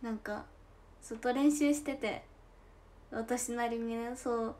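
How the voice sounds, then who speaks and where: A young woman with a high, bright-pitched voice and a Tosa dialect accent chats casually on a livestream. She giggles often and lets her phrase endings trail off softly. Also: steady tone. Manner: chatty and giggly, drawn-out soft endings. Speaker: idol livestream host. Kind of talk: casual livestream chat reading comments.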